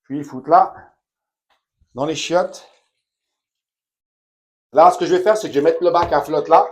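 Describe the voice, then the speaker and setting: A man's voice: on the high side, unhurried, a little mellow. A man talking casually and bluntly to the viewer while demonstrating a repair in his home bathroom. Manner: blunt, slangy, chatty, addresses viewer directly. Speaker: DIY home repair vlogger.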